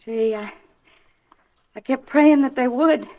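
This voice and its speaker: In a dull vintage recording of a 1950s radio drama, an actress plays an anxious wife who pleads hesitantly and earnestly. Her high-pitched female voice moves slowly, carrying a resigned, sad mood.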